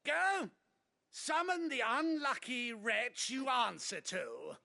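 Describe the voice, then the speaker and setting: A man's voice: very high voice, animated, takes it slowly, vocal fry, pushed and bright, full character voice. A man playing a haughty, sneering, cruel nobleman father in a video game, pompous and indignant in manner. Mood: haughty anger.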